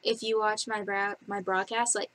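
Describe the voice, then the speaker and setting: At a moderate pace, a woman in her twenties with a level, mid-range and slightly bright voice records a casual facts-about-me vlog in her bedroom. She giggles, rambles and uses lots of fillers, captured by a webcam at desk distance.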